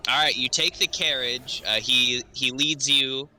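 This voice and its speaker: A man improvising narration as game master of a tabletop game, halting as he thinks aloud. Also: mid-range voice, steady tone, bright, forceful tone, rough recording.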